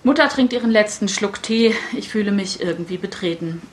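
A middle-aged woman reading her own stories aloud at a live reading, with wry, deadpan, self-mocking delivery. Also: medium pitch, a little fast.

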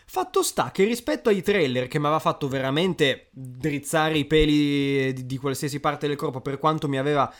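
A man co-hosts a casual podcast and lays out his opinions in a chatty, reflective way. His voice sits slightly high for a man. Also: moderate pace, few pauses. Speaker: podcast co-host.

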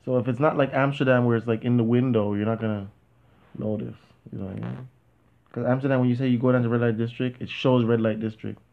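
A man co-hosts a casual talk show, talking fast in a creaky, mid-range voice with a steady tone. He rambles and argues, sprinkling in plenty of "you know what I mean" asides. The audio sounds tinny, like a phone.

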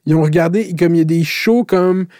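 A man's voice: high voice, fairly quick, darkish tone, dry recording, studio quality. A man in his thirties with a Québécois accent, chatting bluntly with slang, swearing and English words mixed in. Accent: Québécois French. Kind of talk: casual chat.

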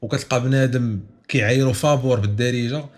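Man, Moroccan accent, very rapid speech, mid-pitched voice, casual sports podcast talk, French words mixed in. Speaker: football podcast host.

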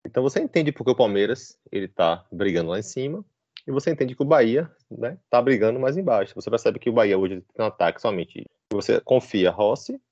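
Fast-talking man, dry dull audio. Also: lowish voice, no room sound. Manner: fast, lively, reasoning out loud with fillers. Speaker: podcast co-host, football fan. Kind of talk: casual chat.

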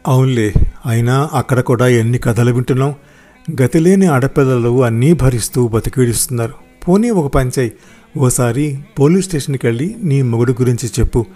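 A man voicing a calm, kind lady officer who gives measured advice. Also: medium pitch, faint music behind, close to an everyday voice.

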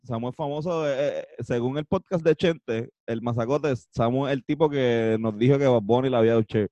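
A man in his twenties with a Puerto Rican accent banters through a casual podcast as co-host, using slang and mimicking voices for laughs. His mid-range voice is warm and fairly quick, with no room sound and the top end rolled off.

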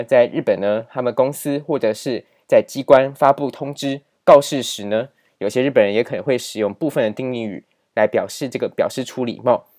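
A man's voice: medium pitch, a little mellow. A man teaching a grammar lesson over slides, explaining patiently and repeating key points with many filler particles. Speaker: language teacher.

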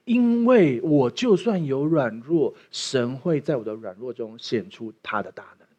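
A man's voice: mid-range voice, expressive, a little slow, dark tone, highs cut off. A man preaching a sermon as pastor, opening with a prayer and joking with the congregation. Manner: playful, jokey preaching with acted asides.

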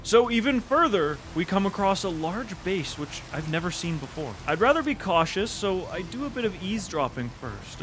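A man's voice: sits high, a bit bright, a little hiss or hum. A man giving a dramatic scripted narration of video game play, telling it as a story. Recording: music behind the voice. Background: background music.

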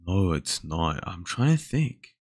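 Alone indoors before a camera, a young Australian man rambles through his casual solo podcast, using lots of fillers and trailing off mid-thought. He speaks slowly in a low voice with big pitch swings and a breathy edge. The recording is dry and studio quality.

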